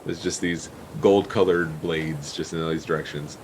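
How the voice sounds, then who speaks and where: A man narrating a tabletop game as game master, in a halting, pausing way. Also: extremely low pitch, steady tone, a little hiss or hum. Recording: faint sea and boat ambience behind.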